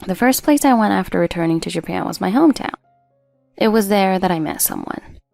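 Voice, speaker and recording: A woman reading a first-person drama story as a narrator in a steady storytelling delivery. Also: mid-range voice, fairly quick, vocal fry, dry recording, soft background music.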